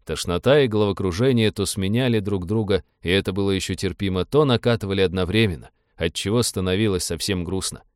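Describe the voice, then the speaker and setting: Low-voiced man narrating an audiobook. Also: fast talker, few pauses, no room sound, clean studio sound.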